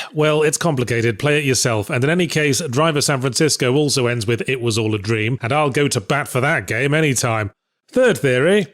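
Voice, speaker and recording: A man delivering a scripted, sardonic video game critique in a rapid deadpan style. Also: mid-range voice.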